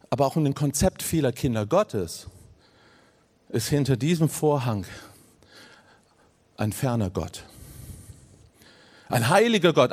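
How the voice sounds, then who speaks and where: A man preaching a sermon, dropping to low hushed phrases and rising to emphatic ones, speaking to listeners directly as friends.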